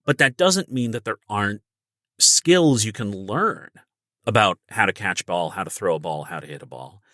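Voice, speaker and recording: A guest voice actor and audiobook narrator explains things on a podcast in a casual, emphatic way, leaning on everyday analogies. His fairly low voice is bright and forceful, with lively intonation and normal speed, recorded cleanly in a studio without room sound.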